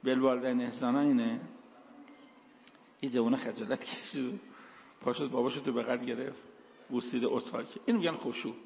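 A man's voice: medium pitch, fairly even intonation, gravelly, long pauses, a little hiss or hum. A man preaching a sermon, telling stories and quoting verses. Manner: storytelling, quotes Quranic verses. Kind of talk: sermon with told anecdotes. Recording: echoey hall, dull lo-fi sound.

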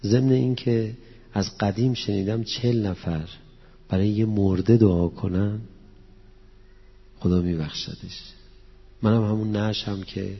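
A man's voice: deep voice, gravelly, husky. A man preaching to a gathered audience, mixing in quotations of scripture and poetry and leading them in prayer. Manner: quotes Arabic scripture and Persian verse, explains it plainly. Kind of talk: religious lecture. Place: hall with an audience. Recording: dull, echoey hall recording.

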